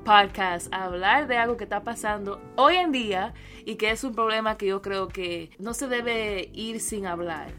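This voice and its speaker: Bright-voiced woman podcast host. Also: medium pitch, normal speed, soft background music. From United States. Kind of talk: conversational podcast interviewing.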